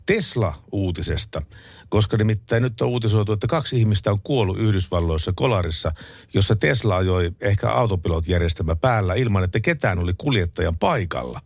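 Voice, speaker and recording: A man hosting a late-night radio show and chatting in a relaxed way about listener requests and the news. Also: fairly low pitch, no echo. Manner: relaxed, chatty and easily amused. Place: radio studio. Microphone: close studio microphone.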